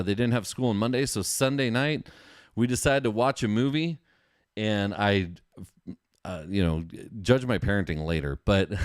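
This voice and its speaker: Recorded dry and close with no echo, this low-voiced, middle-aged American man chats informally as a podcast host. His casual solo livestream talk is enthusiastic and packed with slang.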